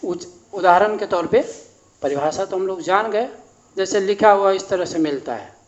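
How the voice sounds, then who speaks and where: Male teacher, high voice, unhurried, repeats definitions, dull lo-fi recording. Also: expressive. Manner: slow, explanatory, repeats definitions. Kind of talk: board lesson on grammar.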